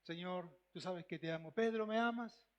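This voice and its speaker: Un predicador que da voz a un maestro que perdona con ternura, preguntando con suavidad. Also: male voice, sits high, steady tone, moderate pace, lightly acted. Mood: tender. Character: gentle forgiving male teacher, Jesus.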